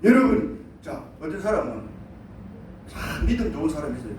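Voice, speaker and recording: Animated pastor preaching in an echoey hall. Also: male voice, fairly high pitch, fairly quick. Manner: animated, acts out quoted prayers and calls congregation to repeat. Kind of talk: sermon. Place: church sanctuary. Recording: echoey church hall from far off.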